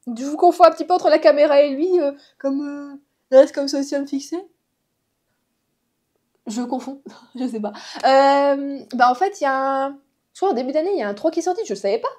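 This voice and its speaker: A woman's voice: high-pitched, a little fast, a little mellow. A woman chatting casually to her viewers in a vlog, rambling and full of fillers and restarts. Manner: chatty, addresses viewers directly. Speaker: vlogger.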